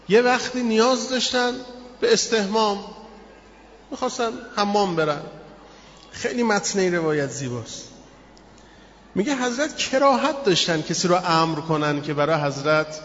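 A man preaches a sermon and tells a story with lively expression, acting out the voices of its people. His voice sits high. It echoes through a reverberant hall, and the recording sounds dull and muffled. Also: slight background noise. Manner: expressive, acts out quotes in the story.

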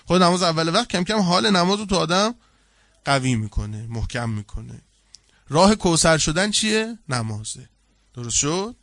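A man, a seminary cleric, giving a colloquial sermon full of anecdotes, swinging from loud, lively telling to hushed, earnest asides. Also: on the high side, no room sound, clean studio sound.

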